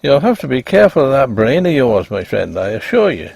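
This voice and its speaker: A man voicing a blunt, rational young doctor in a ghost story, brisk, emphatic and colloquial. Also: mid-range voice, big pitch swings, vocal fry, darkish tone, husky, no echo, exaggerated voice. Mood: grimly reproving.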